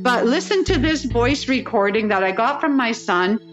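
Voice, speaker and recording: A woman recounting events about her missing son in an interview, halting and repeating herself. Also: a little high, expressive, muffled recording, soft background music.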